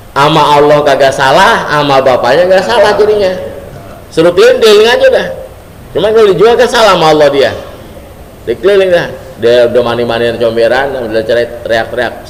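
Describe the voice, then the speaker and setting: A man preaching a humorous sermon, telling stories in casual slang. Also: on the high side. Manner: joking storyteller, colloquial slang. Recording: reverberant hall, faint background noise.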